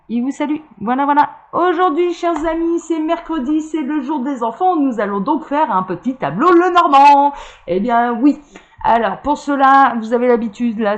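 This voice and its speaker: A woman doing a casual, rambling tarot card reading to camera, chatty, with many fillers and small laughs. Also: a little high. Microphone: camera mic. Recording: roomy echo, faint background hiss.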